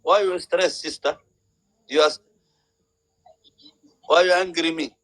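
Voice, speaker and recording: A man from Somalia chatting on a video call, speaking halting, broken English and repeating his words. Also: on the high side, fairly even intonation, a bit bright. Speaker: video chat caller. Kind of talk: casual video chat with strangers.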